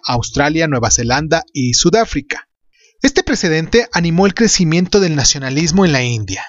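A man's voice: on the high side, dry recording, muffled recording. A man hosting a podcast, reading scripted history narration. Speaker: podcast host.

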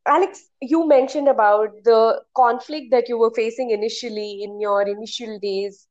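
A woman's voice: a little high, fairly even intonation, normal speed, darkish tone. A woman hosting an interview show, addressing her guest and asking questions in a conversational way. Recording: dull lo-fi audio with music.

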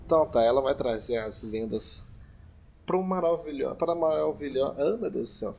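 A man's voice: mid-range voice, moderate pace, gravelly, darkish tone. A young man with a Brazilian accent hosting a podcast, joking and teasing in casual chat. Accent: Brazilian Portuguese. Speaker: podcast host.

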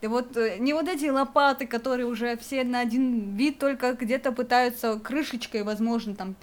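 A woman's voice: a little high, steady tone, normal speed. A young woman with a slightly raised voice chats casually as a podcast co-host. She rambles and circles back, padding her speech with fillers and laughing easily. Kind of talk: casual nostalgic chat.

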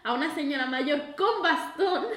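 A woman's voice: high-pitched, normal speed, a bit bright. Laughing woman, echoey room. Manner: laughs often, chatty. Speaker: podcast co-host. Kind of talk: casual chat. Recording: roomy echo.

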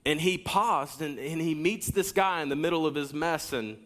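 A man giving a sermon as a pastor, preaching energetically with wide swings in pitch and loudness and talking straight to the congregation. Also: normal speed. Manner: addresses the congregation directly, with asides and a coaching tone.

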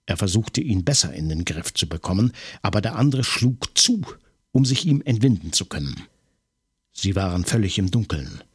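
A man narrating a crime audiobook in a measured, tense storytelling manner. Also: low-pitched, sing-song, breathy edge, no echo, studio quality.

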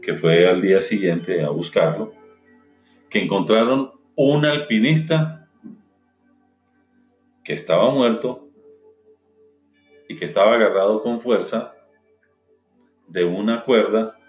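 A man with a lowish voice tells a parable dramatically and then exhorts his listeners. The room is echoey, and faint music runs underneath. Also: expressive, slow pace, long pauses. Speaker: motivational speaker. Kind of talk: storytelling with a moral.

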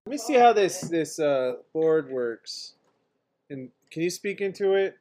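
A man's voice: fairly high pitch, sing-song, measured pace, music in the background. A man hosting a podcast, rambling casually in a self-deprecating, profane way. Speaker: podcast host.

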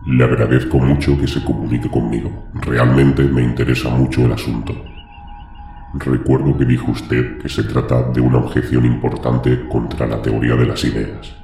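A man voicing a calm logical alien starship commander speaking over a sci-fi communicator, slow, precise and unemotional. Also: extremely low pitch, creaky, reverberant, soft background music. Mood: measured.

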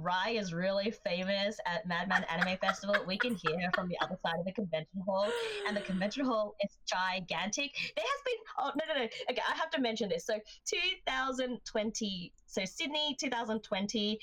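Chatty woman co-host with a loud voice. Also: mid-range voice, a little fast, few pauses, background noise. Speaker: podcast co-host, convention staff and interpreter. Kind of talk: casual chat. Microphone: mic about thirty centimeters away.

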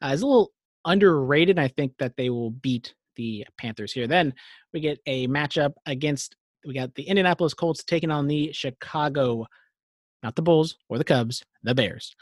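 A man's voice: a little high, moderate pace, no room sound, studio quality. A man co-hosting a casual sports podcast, running through game previews and teasing his co-host. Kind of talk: casual sports picks chat.

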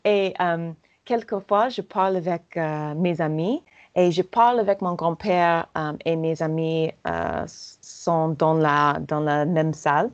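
A slow, deliberate American woman speaks in a slightly low voice, pausing often to search for her words in a language that is not her native one. Her speech is full of fillers and restarts, with the halting feel of a learner in conversation. The audio is dull and lo-fi. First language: English.

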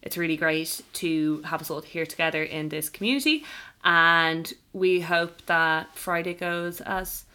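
A woman's voice: sits low, a little slow, bright, forceful tone, smooth. An Irish woman co-hosting a podcast, chatting casually and with enthusiasm. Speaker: podcast co-host.

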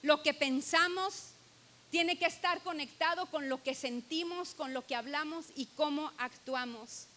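Woman, sermon, earnest, emphatic, bright tone. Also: sits high, unhurried. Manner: earnest, emphatic, leans on key words. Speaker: preacher.

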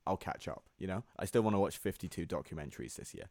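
Low-voiced man in rambling podcast chat. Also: lively intonation, fast talker, darkish tone, dry recording. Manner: rambling, laughs easily. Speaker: podcast co-host. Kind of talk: casual chat.

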